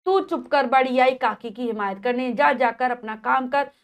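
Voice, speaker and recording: A teenage boy snaps at his little sister, curt and dismissive, with a high, pitched-up voice, as a woman teacher reads him. He is a figure in a classroom reading of a play. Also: moderate pace. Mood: scolding. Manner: curt, scolding.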